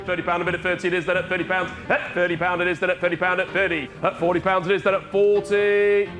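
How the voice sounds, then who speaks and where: High-pitched male auctioneer calling bids. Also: level tone, quick pace. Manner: repetitive rhythmic bid patter. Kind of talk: fine art auctioneer calling rapid repeated bids. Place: auction room. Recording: background music under the voice.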